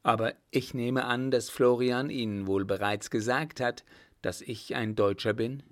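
A man voicing a confident young lieutenant in a calm, assured way, in a storybook reading. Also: medium pitch, unhurried, close to an everyday voice.

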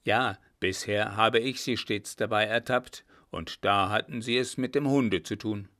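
A man voicing a sly, cheeky coachman who talks calmly and teasingly. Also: lowish voice, measured pace.

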